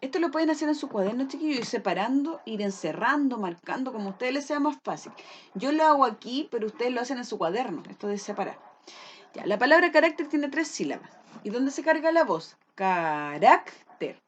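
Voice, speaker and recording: A woman's voice: sits high, lively intonation, fairly quick, dull audio, a little hiss or hum. A woman teacher explaining a lesson patiently, often checking that her pupils follow. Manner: patient, checks understanding with frequent "¿ya?".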